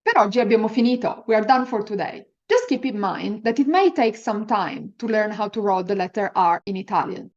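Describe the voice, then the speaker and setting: Lively woman teaching rolled-R pronunciation. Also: mid-range voice, dull audio. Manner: demonstrates rolled R sounds, enunciating example words deliberately; encouraging. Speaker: Italian language teacher. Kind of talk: pronunciation lesson with slow, repeat-after-me example words.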